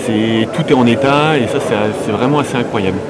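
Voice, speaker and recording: A man's voice: medium pitch, brisk, over a noisy crowd. A young man, a photographer, answering interview questions fluently and with enthusiasm. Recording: loud background noise.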